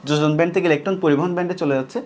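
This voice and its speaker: A young man teaching an online class, speaking slowly and repeating each line so students can copy it, often asking a question and answering it himself. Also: fairly high pitch, fairly even intonation, a little mellow, soft background music. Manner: slow dictation, repeating lines and asking then answering his own questions.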